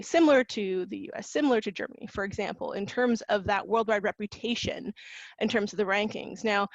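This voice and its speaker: A Canadian woman, a university recruitment officer, presents a webinar over a video call in a conversational style full of fillers and restarts. Her voice is medium-pitched, and the recording is dry and lo-fi.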